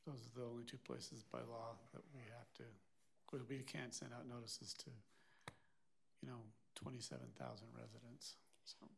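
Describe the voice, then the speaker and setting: A man's voice: medium pitch, expressive, moderate pace, vocal fry, a bit bright, slight background noise. A man explaining procedure in a matter-of-fact way as a staff official at a public meeting.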